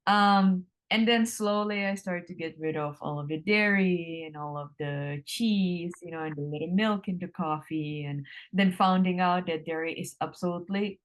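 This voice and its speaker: A woman in her thirties from the Republic, a guest answering interview questions in an unhurried way with frequent ums and drawn-out words. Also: fairly low pitch. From Czech Republic. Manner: hesitant, many ums, slowing and drawn out.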